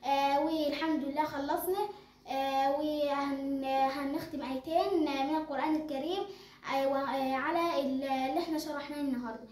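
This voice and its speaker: High young Egyptian girl teaching, roomy echo. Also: fairly even intonation, brisk, darkish tone, slight background noise. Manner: asks and answers her own questions. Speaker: Quran recitation teacher. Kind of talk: explaining tajweed rules.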